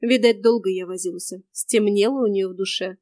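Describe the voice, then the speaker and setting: A solemn warrior hero, read by a woman, speaks plainly and gruffly in old-fashioned words. He is earnest and a little grim. The reading is dry and close. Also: mid-range voice, steady tone, normal speed, mellow, dry recording, natural voice.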